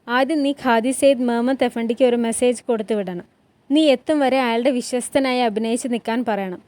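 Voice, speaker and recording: A woman's voice: on the high side, fairly quick, a little mellow, dry recording, lightly acted. A woman voicing a stern, commanding male sultan who gives curt, threatening orders in a story retelling.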